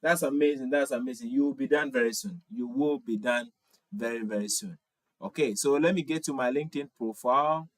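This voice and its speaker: Brisk and mid-range, the voice belongs to a Ghanaian-accented man in his twenties hosting an informal livestream. He reads viewers' comments aloud and gives friendly answers, often repeating himself, and the audio has no echo.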